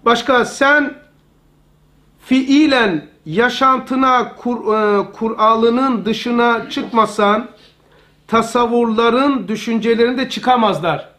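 A man's voice: extremely high pitch, bright, forceful tone. A man teaching a religious study lesson to a live circle of listeners, talking conversationally and repeating key phrases for emphasis.

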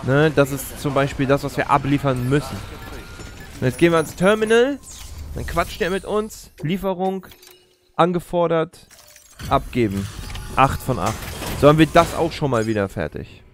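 A let's play host in his thirties gives casual, explanatory commentary on his gameplay at normal speed, his voice a little high. He's indoors on a close streaming mic at his gaming chair, and faint music can be heard behind him.

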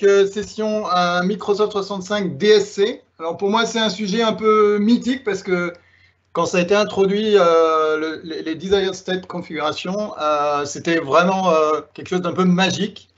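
A man hosting a conference session, introducing the speaker with many fillers and pauses. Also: sits high, steady tone, highs cut off.

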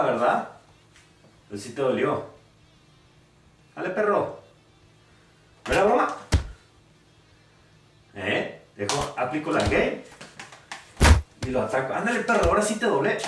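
Mexican streamer, rowdy slang trash talk, bouncy high voice, roomy distant recording with faint hiss. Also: male voice, fairly bright tone. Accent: northern Mexican. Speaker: gaming youtuber. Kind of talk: excited let's-play commentary. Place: room at home, playing a VR game. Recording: echoey room, distant from the mic, faint noise.

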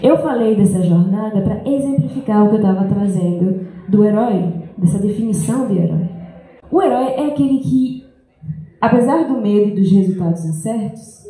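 A woman's voice: mid-range voice, normal speed, dark tone. A young woman from Brazil and France reads a reflective personal talk to a school audience, holding a handheld mic. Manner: earnest, reflective, reads from paper. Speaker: speaker giving a school talk. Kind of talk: reading a personal talk aloud. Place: large school hall, indoors. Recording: very echoey hall.

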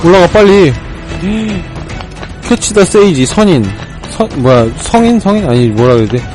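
A lively man talking through a video game, his pitch leaping around as he shouts and swears at the action. Game music plays clearly behind him, and his voice sits slightly high. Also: fairly quick. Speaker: game streamer. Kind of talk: gameplay commentary.

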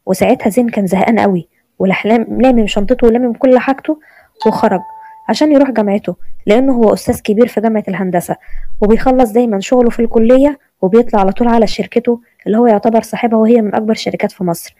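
A woman's voice: a little high, dark tone, no room sound. A woman with an Egyptian accent narrating a serial story in a conversational way. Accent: Egyptian Arabic. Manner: rapid, conversational.

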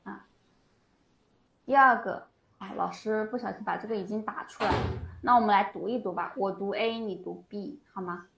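Patient woman teaching slowly. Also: mid-range voice, steady tone, creaky, a bit bright, reverberant. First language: Chinese. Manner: patient, slow and explanatory, many drawn-out "ah" fillers. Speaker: Chinese teacher. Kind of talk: online language lesson.

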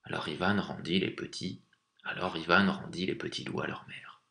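A low-voiced man tells a folk tale aloud, his narration expressive and lively. His tone is low yet bright and clear. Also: normal speed. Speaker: storyteller.

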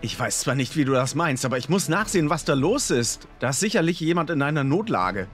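A man's voice: on the high side, sing-song, a little fast, a bit bright, faint music behind, pitched above the performer's own voice. A man doing a wry, stubborn traveler. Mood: alarmed. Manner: dry joking, then alarmed. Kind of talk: audiobook character voice.

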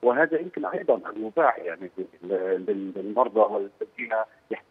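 A man's voice: fairly low pitch, animated, breathy edge. Man on a poor, tinny phone line. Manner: hesitant, pauses to search for words. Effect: poor-quality phone line. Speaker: political analyst. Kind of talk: phone interview on a news program. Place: Beirut, by phone.

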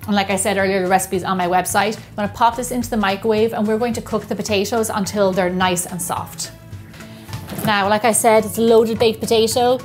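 A woman's voice: medium pitch, steady tone, fast, hardly any pauses, faint music behind. An Irish woman hosting a casual home cooking vlog, chatting upbeat as she explains each step in her kitchen. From Ireland. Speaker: baking show host.

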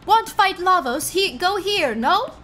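Brief: brave cavewoman warrior in a video game, broken speech, loud and high, lively swings in pitch, voiced by a woman. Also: slow, faint music behind, exaggerated voice. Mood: urgent. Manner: broken caveman-style English, clipped shouts. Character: fierce young cavewoman warrior, blunt and brave. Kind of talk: reading game dialogue aloud with voices.

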